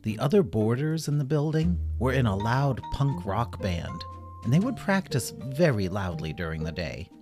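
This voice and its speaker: A man hosting a podcast and narrating a children's story in an animated, playful way. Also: medium pitch, moderate pace, over music.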